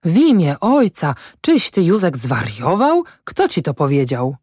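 A woman's voice: low-pitched, huge pitch swings, measured pace, warm tone, slightly rough, no echo, clean studio sound, exaggerated voice. A woman voicing a furious, scolding peasant wife. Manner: scolding, voice rising in outrage. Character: angry, stubborn peasant farm wife. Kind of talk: audiobook character voice.

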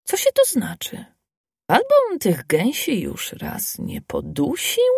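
A woman's voice: a little high, wildly swooping pitch, slow pace, creaky, slightly rough, dry recording, studio quality, pitched above the performer's own voice, full character voice. A woman voicing a sly, hungry male fox who mutters to himself in a whisper, in a storybook reading. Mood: puzzled.

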